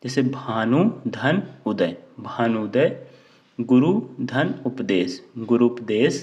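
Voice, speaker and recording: A man's voice: mid-range voice, lively intonation, darkish tone, muffled recording. A man teaching a grammar lesson. He asks a question and then answers it himself, drawing out each example word. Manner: slow, drawn-out words when spelling out examples.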